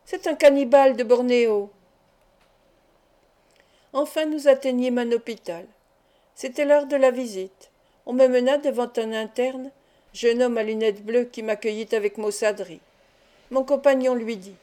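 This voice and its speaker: A woman audiobook reader narrating a fantastic tale in a measured, even storytelling manner. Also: fairly high pitch.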